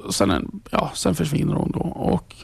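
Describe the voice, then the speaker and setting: Gravelly, husky Swedish man recounting. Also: fairly high pitch, big pitch swings, no echo. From Sweden. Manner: halting, many restarts, drops to a whisper at grave moments. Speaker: interviewee, trained ambulance driver. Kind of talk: personal testimony in an interview.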